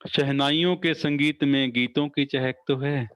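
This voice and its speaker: A male poet slowly reciting verse on a video call, repeating each line, while his voice keeps cutting out on a bad internet connection. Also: mid-range voice, fairly even intonation, a bit bright, clean tone, dry recording. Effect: breaking up over a bad internet connection.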